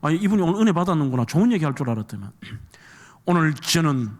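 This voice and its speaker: Animated Gyeongsang man preaching. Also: fairly high pitch, rapid-fire. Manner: humorous, folksy, emphatic preaching. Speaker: guest pastor. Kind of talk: sermon. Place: church.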